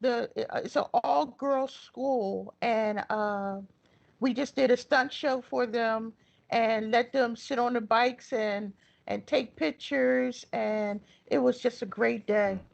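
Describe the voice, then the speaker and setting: A woman guest, an event organizer, speaking slowly and haltingly in a casual interview over a remote call. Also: fairly high pitch, steady tone, creaky, lo-fi sound. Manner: slow, halting, with fillers.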